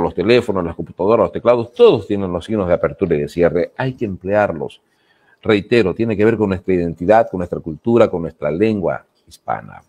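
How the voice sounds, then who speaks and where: A man's voice: lowish voice, darkish tone. A man, giving a spelling workshop lecture to an audience and often checking in with short questions. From Bolivia. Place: library lecture hall.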